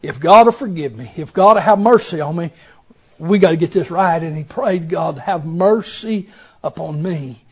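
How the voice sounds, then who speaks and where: A man preaching an impassioned sermon, rising to shouts and dropping to a hush, peppering his lines with "amen" and "boy". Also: a little high, brisk, husky. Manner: chanting preaching cadence, swings from hushed to shouting.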